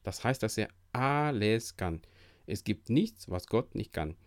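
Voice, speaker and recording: A man's voice: fairly low pitch, expressive, measured pace, no room sound, clean studio sound. A man hosting a devotional podcast, talking earnestly and encouragingly in a preacher-like way. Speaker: podcast host.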